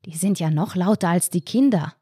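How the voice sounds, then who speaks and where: A woman voicing a fussy, squeamish woman tourist on holiday, fretful and quick to get agitated. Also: fairly low pitch, mellow, breathy edge, no echo, clean studio sound. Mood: irritated.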